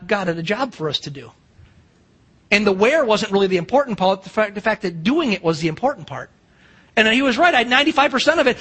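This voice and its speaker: This sermon comes from a middle-aged American man whose very high-pitched voice is sharp and slightly rough. As a pastor he preaches emphatically, raising rhetorical questions and performing dialogue.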